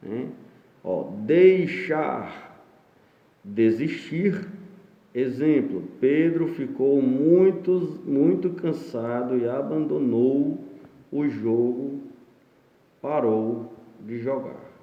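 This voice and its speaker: A Brazilian male teacher gives a recorded lesson at an unhurried pace, reading entries aloud and explaining each one. His voice sits at an average pitch. The room sounds echoey, with a long tail, and the audio is dull and lo-fi. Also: lively intonation. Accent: Brazilian Portuguese. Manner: slow, explanatory, reads entries aloud with frequent "né?". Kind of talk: online class lesson.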